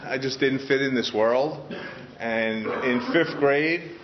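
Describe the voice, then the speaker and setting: A man's voice: mid-range voice, takes it slowly, noisy background. Earnest New man sharing his story. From Queens, New York. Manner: earnest and heartfelt, with frequent restarts. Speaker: speaker sharing his story at a recovery meeting. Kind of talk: personal testimony to a group. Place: meeting room in front of a group. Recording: dull lo-fi sound.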